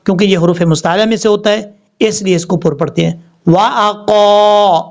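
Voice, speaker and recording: A man teaching tajweed, explaining letter by letter and then chanting each word slowly and drawn out. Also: high voice, darkish tone, muffled recording. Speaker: Quran recitation teacher. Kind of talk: tajweed lesson with slow drawn-out recitation.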